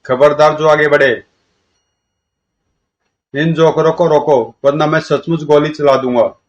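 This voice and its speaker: A man with a somewhat high voice reads a comic story aloud, jumping between the characters' lines in a lively way. The recording sounds dull and lo-fi. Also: measured pace. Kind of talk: reading a comic aloud, voicing all characters.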